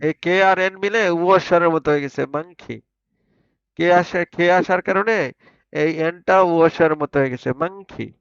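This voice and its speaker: A man teaching an online pronunciation class, sounding out words slowly and having students repeat them. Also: on the high side, creaky, fairly bright tone, smooth, no room sound. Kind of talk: online spoken English class. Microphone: online video call. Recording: dull lo-fi online call audio.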